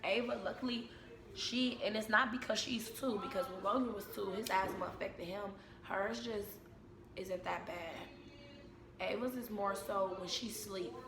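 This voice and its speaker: A young American woman chatting casually to camera at home, telling stories in an informal, unhurried way. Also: medium pitch, crowd noise. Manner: informal, unhurried storytelling with repeated phrases. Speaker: vlogger and mother. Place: indoors at home. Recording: echoey room with background noise.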